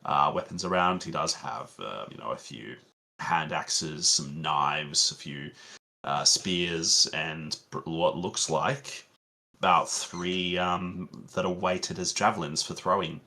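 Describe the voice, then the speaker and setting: Game master, man, very low voice, relaxed and meandering, fills pauses with ums. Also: vocal fry. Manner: relaxed, meandering, many fillers. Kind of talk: narrating a tabletop game.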